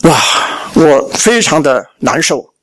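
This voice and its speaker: A middle-aged man from Shandong preaching a personal testimony, with a high voice that swoops lively up and down. He tells his story vividly and slips into the voices of his father and family as he goes. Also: slow. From Shandong, China. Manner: storytelling, acting out family dialogue. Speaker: pastor. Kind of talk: sermon testimony.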